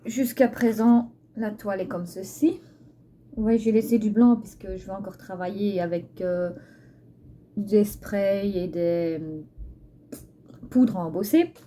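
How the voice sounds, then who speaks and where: Slow-talking woman with a slushy lisp. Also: medium pitch, steady tone, dark tone. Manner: hesitant, thinking aloud. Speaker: craft tutorial host. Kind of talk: casual unscripted tutorial chat. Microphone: phone used for filming. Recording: phone recording with faint background noise.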